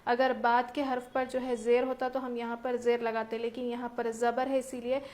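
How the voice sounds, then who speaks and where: A woman's voice: on the high side, little pitch movement, darkish tone. A woman teaching Quran recitation rules, explaining each point patiently step by step and asking her listeners rhetorical questions. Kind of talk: tajweed lesson with recited examples.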